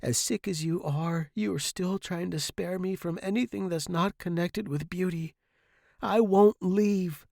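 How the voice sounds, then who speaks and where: A storyteller voices a devoted young male music student, going slowly with a slightly mellow tone in a clean studio recording with no echo. The character sounds earnest and imploring, tender and worried, his voice high and distraught.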